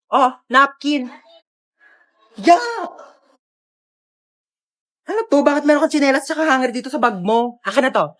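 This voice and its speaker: A woman doing comedic POV skits, playing every part herself with quick, bantering switches between characters. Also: high-pitched, fairly bright tone. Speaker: comedy skit performer.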